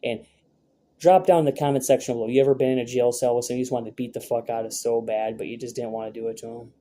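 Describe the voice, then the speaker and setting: Man, young, brash, profane, rambling, mellow voice, faint background noise. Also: medium pitch, fairly even intonation, rapid-fire. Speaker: vlogger. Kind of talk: casual storytelling to camera.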